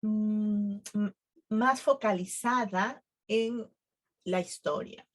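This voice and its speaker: Slow Latin American woman teaching Spanish. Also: mid-range voice. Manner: slow and careful, with frequent ums and "okay?" check-ins; switches between English and Spanish, laughing often. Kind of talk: casual video lesson. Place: home filming.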